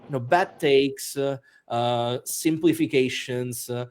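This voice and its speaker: A man's voice: medium pitch, takes it slowly, darkish tone, clean tone. A man speaking as an interview guest, talking casually with many restarts and fillers and laughing often. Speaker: interview guest, author and musician.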